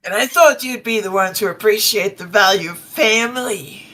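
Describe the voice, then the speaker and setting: A woman's voice: mid-range voice, normal speed, pushed and bright. A woman voicing a cool, unbothered male pasta cowboy with a strong Texan accent, in a live reading of a story.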